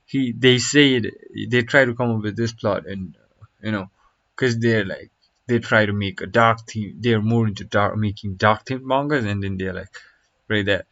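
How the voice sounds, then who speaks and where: A man's voice: on the low side, normal speed, a bit bright. Rambling young man on a dull mic. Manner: rambling, slangy, lots of fillers. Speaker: streamer reacting to a video. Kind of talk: casual reaction chat.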